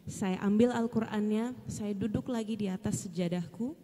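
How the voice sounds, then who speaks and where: A woman's voice: medium pitch, normal speed, warm tone. A woman earnestly telling a personal story with feeling to an audience, reflective in manner. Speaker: guest sharing a personal testimony. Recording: long hall reverb.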